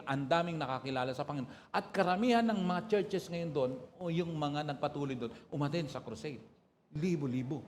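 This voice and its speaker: Filipino pastor preaching in a reverberant hall. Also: male voice, mid-range voice. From Philippines. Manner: preaching with frequent calls of "Praise the Lord" and "Amen?"; mixes Tagalog with English phrases. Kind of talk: sermon. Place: church hall. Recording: hall reverb with faint room noise.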